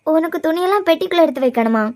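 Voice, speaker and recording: A woman with a Kanyakumari Tamil accent voicing a gentle young woman who soothes and coaxes a crying little girl in a cartoon serial. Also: very high voice, expressive, racing. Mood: soothing. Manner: soothing, coaxing, tender.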